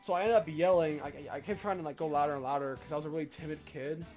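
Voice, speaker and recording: Brief: young male streamer, slightly high voice, casual profane rambling, soft music playing underneath. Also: fairly even intonation, fast. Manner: rambling, profane, self-deprecating. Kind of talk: casual rambling chat while drawing.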